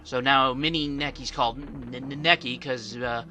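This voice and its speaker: A man's voice: medium pitch, fairly even intonation, moderate pace, pushed and bright, soft background music. A man giving casual let's play commentary, rambling and often stuttering on the first syllables of words.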